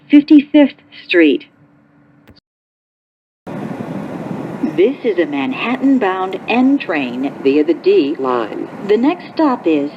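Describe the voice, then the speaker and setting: A woman delivers a recorded subway announcement in a lowish voice with animated, swinging pitch. Her phrases are formulaic and slow, coming muffled through a train speaker with faint noise.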